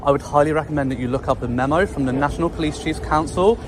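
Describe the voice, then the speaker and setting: A man's voice: fairly high pitch, quick pace, background noise. A British man filming police outside a station, arguing insistently with officers out on a city street, recorded on a handheld camera. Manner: insistent, argumentative. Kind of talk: heated street argument.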